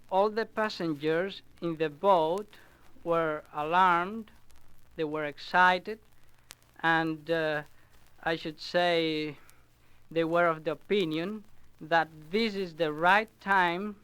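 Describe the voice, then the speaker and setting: A man giving a measured, formally worded street-interview statement. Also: a little high, bright, forceful tone, smooth, no echo.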